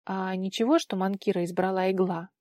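A woman voicing an excitable young heroine in an audiobook, with high, emotional outbursts. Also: a little fast, no echo, studio quality, close to an everyday voice. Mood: alarmed.

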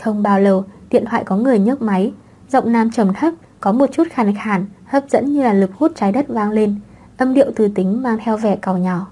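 Calm woman reading a web novel. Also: medium pitch, normal speed. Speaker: audiobook narrator. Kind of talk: scripted narration of a web novel.

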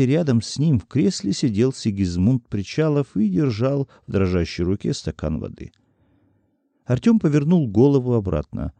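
A male audiobook narrator reads in an expressive storytelling manner, his voice very dark and mellow with a lively, wide-ranging pitch. The recording is close and dry. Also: vocal fry, no room sound.

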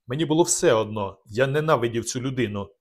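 A male narrator reads a novel aloud in the first person. His delivery is steady and measured, with a voice that sits at a middle pitch. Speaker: audiobook narrator.

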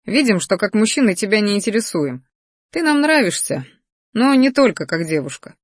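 A serious young student speaks in a measured, steady way, voiced by a woman narrator. Her reading is close and dry, with no echo. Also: mid-range voice.

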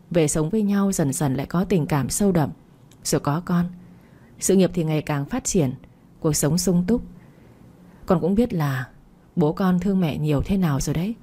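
A woman reading the part of a gentle, persuasive middle-aged mother in a storybook reading. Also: lowish voice, breathy edge. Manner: gentle, coaxing.

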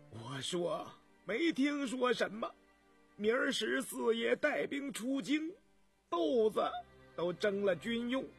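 A very high, cracked old man's wail, hoarse and choked with sobs. The grieving old servant drags his words out slowly, gravelly and broken, with faint music far behind. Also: full character voice. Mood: tearful. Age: older. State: crying. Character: grief-stricken old male servant, weeping. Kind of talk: storytelling voice acting.

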